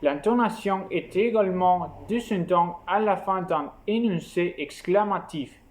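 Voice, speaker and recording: A man with a rather high voice reads a scripted lesson aloud. He takes his time, spacing out each phrase in a measured, explanatory way. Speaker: teacher.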